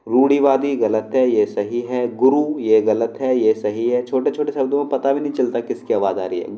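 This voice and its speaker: Dark-voiced man teaching spelling. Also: mid-range voice. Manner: explains patiently, with frequent check-ins to the class. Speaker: shorthand and typing teacher. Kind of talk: spelling lesson walkthrough.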